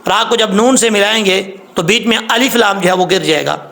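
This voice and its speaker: A man teaching Quran recitation rules, patiently explaining step by step, spelling out sounds slowly and repeating rules about common mistakes. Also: high-pitched, vocal fry, pushed and bright. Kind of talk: tajweed lesson.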